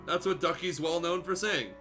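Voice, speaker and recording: High-voiced and sharp in tone, a male streamer speaks at normal speed while reading fan fiction aloud. The narration is dramatic but relaxed, with casual asides and small corrections, and music runs in the background.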